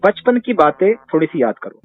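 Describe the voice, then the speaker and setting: This man's voice sits on the high side and swings widely in pitch, moving at an ordinary pace. He answers questions in the role of a therapist, offering conversational advice punctuated by forceful rhetorical questions, all heard through a thin phone line with faint music.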